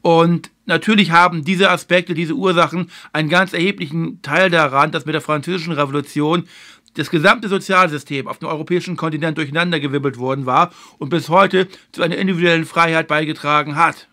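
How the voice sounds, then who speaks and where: A man hosting a video lecture series, explaining history in a measured way and stressing his key points. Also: on the high side, fairly even intonation, pushed and bright. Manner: filler phrase "eben halt".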